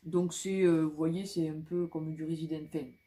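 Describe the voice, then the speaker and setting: A woman's voice: low-pitched, fairly even intonation, normal speed, mellow. A woman vlogging casually about flea market finds, talking with many fillers and restarts.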